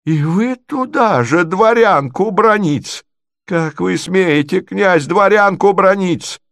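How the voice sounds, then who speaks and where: A man's voice: high voice, slow, vocal fry, a bit bright, dry recording, clean studio sound, voice pushed up, exaggerated voice. A man voicing a quarrelsome provincial lady who squabbles shrilly and indignantly.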